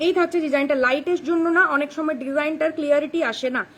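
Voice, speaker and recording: Fast-talking high-voiced young woman. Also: fairly even intonation, a bit bright. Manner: fast, chatty, keeps checking "ঠিক আছে?". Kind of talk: live-stream sales pitch. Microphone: phone camera.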